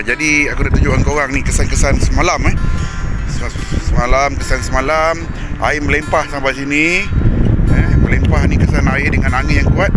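Malaysian man vlogging at a campsite. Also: mid-range voice. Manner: hesitant, many fillers. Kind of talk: casual vlog narration. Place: outdoors at a beach campsite. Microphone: phone at arm's length.

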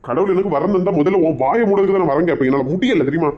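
A woman with a Kanyakumari Tamil accent playing a soft-hearted grieving father who pleads and complains in a comic skit. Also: fairly low pitch, rapid-fire, pitched below the performer's own voice, natural voice. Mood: sulky. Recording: dull lo-fi sound.

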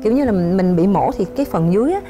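A woman in her thirties with a Southern Vietnamese accent, a guest on a TV talk show, telling a story in an animated way and acting out what others said. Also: medium pitch, rapid-fire, music in the background. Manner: animated, acts out quoted lines, laughs while telling. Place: TV studio.

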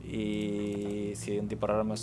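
A man's voice: on the low side, completely flat delivery, takes it slowly, background noise. A young man, streaming a game, reading the game's text aloud and reacting with casual, sarcastic, swearing asides.

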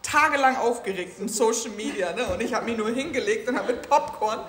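High-voiced woman telling a lively story. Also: fairly quick, a little hiss or hum. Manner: animated storyteller, slangy, acts out dialogue. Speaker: guest speaker, artist. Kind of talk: lively anecdote at a public talk. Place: museum event space. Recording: roomy hall sound.

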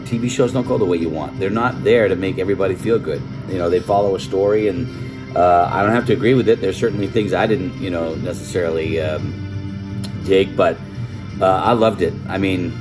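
An older man giving a casual, animated opinion rant on his vlog, exasperated and swearing freely between fillers. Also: low-pitched, moderate pace, over music. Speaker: vlogger.

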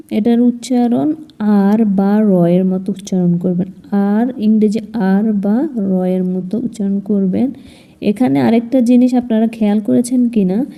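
Slow, dark-voiced woman teaching letters. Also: medium pitch. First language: Bengali. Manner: spells letters one by one, patient and explaining. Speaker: German language teacher. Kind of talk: slow step-by-step lesson.

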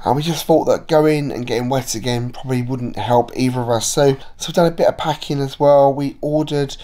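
A man talks his way through a holiday vlog, his voice a little hoarse from a cold. He rambles in an easy, chatty manner, filling gaps with ums and uhs. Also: medium pitch, brisk, mellow. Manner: chatty, rambling with many fillers. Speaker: travel vlogger. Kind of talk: casual vlog narration.

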